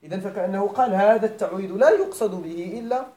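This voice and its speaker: A man's voice: sits high, fast, warm tone. A middle-aged man with a Moroccan accent, teaching a grammar class, explaining step by step, repeating phrases and often asking his students if they follow, moving between formal Arabic and dialect. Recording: echoey room.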